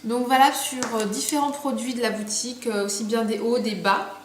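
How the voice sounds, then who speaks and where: A woman's voice: on the high side, steady tone, a little fast. A young woman chatting casually about her purchases, full of fillers and restarts, recorded at home. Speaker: beauty vlogger. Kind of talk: casual haul video chat. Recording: echoey room, faint background noise.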